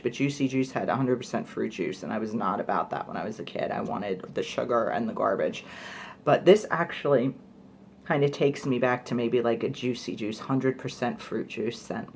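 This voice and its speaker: A young beauty vlogger rambles through a casual product review, peppering it with "like" and "you know." Her voice is extremely low and a little mellow, with slight background noise.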